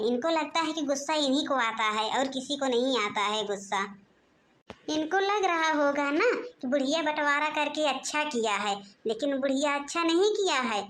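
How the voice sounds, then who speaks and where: A woman's voice: sits high, a bit bright, a little hiss or hum. A woman voicing a fussy, scheming old mother-in-law in a cartoon, complaining and nagging about food and her daughters-in-law. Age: older. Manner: complaining, nagging, muttering plots to herself. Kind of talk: cartoon voice acting.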